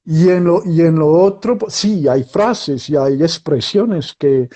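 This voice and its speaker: A middle-aged Colombian writer, appearing as a guest, chats casually in an interview. His voice is fairly high, slow and dark-toned, and he tells stories with many restarts and acted-out quotes.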